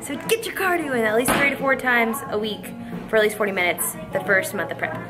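Over loud background music, a bubbly woman in her twenties, a fitness vlogger, gives teasing, chatty meal-prep tips in her home kitchen, speaking into a handheld camera. Her voice is a little high, very animated and fast.

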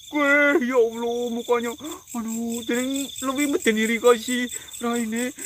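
A man's voice: very high-pitched, flat delivery, a little slow. Ngapak accent guy, spooked, yelping and teasing his buddy, outdoor night recording with a bit of hiss. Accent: Banyumasan Javanese. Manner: fearful, exclaiming, teasing his partner. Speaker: co-host on a ghost hunt. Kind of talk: live ghost-hunt vlog chatter. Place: outdoors in an old graveyard at night.

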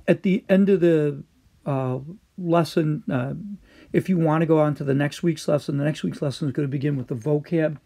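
A man's voice: fairly high pitch, creaky, warm tone. A man teaching a recorded Greek lesson, patiently quizzing students and using frequent fillers.

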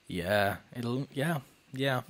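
A man's voice: mid-range voice, lively intonation, very slow, no echo. Chatty man hosting a podcast. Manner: chatty, laughs often, trails off with fillers. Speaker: podcast co-host. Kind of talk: casual chat.

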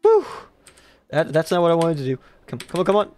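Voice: medium pitch, huge pitch swings, a little fast, darkish tone. Swearing, raging Tetris livestreamer. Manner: rambling, self-mocking, swears and rages at the game. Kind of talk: live gameplay commentary.

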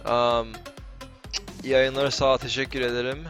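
A man chatting casually on a live game stream in halting, broken Turkish with foreign phrasing, slipping into English. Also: mid-range voice, little pitch movement, a bit bright, soft background music. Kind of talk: casual live stream chat during gameplay.

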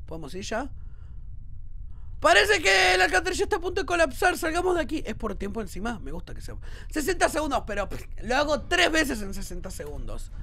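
Rioplatense man gamer, high bright voice, jumpy and shouty, lively pitch swings. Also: brisk, vocal fry, a little hiss or hum. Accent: Rioplatense Spanish. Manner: excitable, bursts into shouts. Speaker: gaming YouTuber. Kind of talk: let's play commentary.

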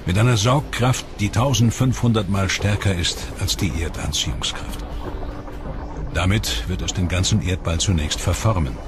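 Over clearly audible background music, a man with a very low, deep voice narrates a science documentary. His scripted delivery is measured, dramatic and steady.

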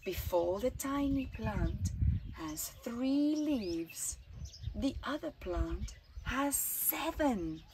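With a voice on the high side, a middle-aged woman tells a children's story outdoors in an open flower-farm gazebo. She reads slowly and expressively, pausing dramatically between short phrases, while faint birdsong and a noisy background fill the recording.

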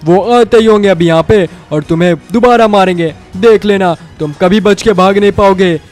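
A man's voice: high-pitched, moderate pace, a little mellow, soft background music, natural voice. A man voicing a taunting Hulk henchman. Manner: taunting, gloating. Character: evil Hulk henchman, gloating bully. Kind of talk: game story voice acting.

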